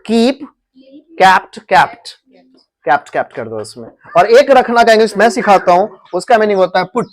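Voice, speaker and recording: A brisk, high-voiced man with lively intonation and an Indian accent drills his class on English grammar in a coaching classroom. He mixes Hindi with English, repeating words and working on pronunciation.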